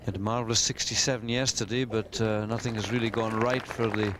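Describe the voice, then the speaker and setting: A man's voice: lowish voice, little pitch movement, fairly quick, a crowd in the background. A man giving descriptive live golf commentary in an understated, conversational way. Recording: noisy outdoor sports broadcast.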